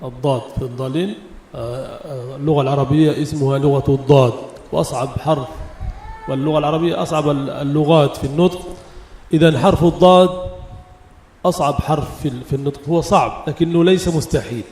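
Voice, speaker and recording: A man teaching tajwid, chanting verses slowly and then correcting pronunciation quickly. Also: on the high side, steady tone, a little mellow, slight background noise. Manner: slow melodic chanting, then quick explanations. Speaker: Quran recitation teacher. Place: religious school lecture hall. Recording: roomy echo with faint ambience.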